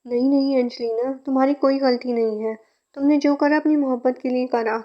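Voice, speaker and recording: A woman's voice: high voice, fairly even intonation, fairly quick, natural voice. A woman voicing a frazzled young mother who snaps and pleads, in a fan fiction reading. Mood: strained. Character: young mother, tearful and overwhelmed. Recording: muffled lo-fi recording.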